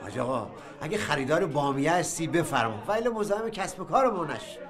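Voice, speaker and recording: A man plays a proud, stubborn sweet seller in an old bazaar, his high voice leaping up and down as he bristles at every slight. Thick crowd chatter from a busy market fills the background of this film scene. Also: expressive, natural voice. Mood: irritated. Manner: touchy, quick to raise his voice. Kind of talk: period film acting.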